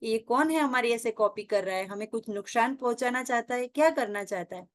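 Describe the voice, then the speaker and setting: A woman's voice: on the high side, brisk. Woman telling children a story. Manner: asks children questions often, acts out characters' lines. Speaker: children's class teacher. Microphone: online meeting call.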